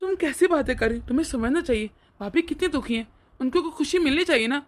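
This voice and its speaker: A woman's voice: high voice, lively intonation, quick pace. A woman voicing an earnest young husband who patiently reasons and sounds exasperated in a cartoon story. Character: earnest young husband, loyal to his family.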